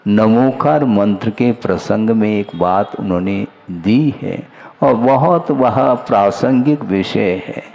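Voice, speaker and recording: A middle-aged man, a Jain monk, delivering a measured sermon and voicing the listeners' questions himself. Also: medium pitch.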